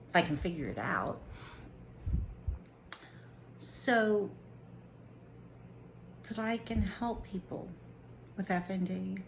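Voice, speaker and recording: A woman vlogger speaking earnestly and deliberately about her own experience, with occasional restarts. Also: mid-range voice, creaky, slight background noise, rough recording. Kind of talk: personal reflective monologue to camera.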